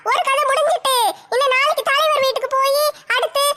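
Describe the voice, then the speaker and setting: A woman's voice: extremely high pitch, fairly even intonation, fairly quick, bright, forceful tone. A woman playing a gloating young woman villain in a comic skit. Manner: gloating, cackling asides.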